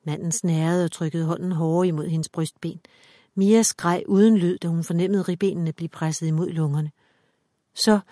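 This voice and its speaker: A woman with a fairly low, dark and mellow voice narrates a dark story aloud. Her reading is measured and dramatic, and the sound is dry and close. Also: dry recording. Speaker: audiobook narrator. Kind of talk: scripted audiobook narration.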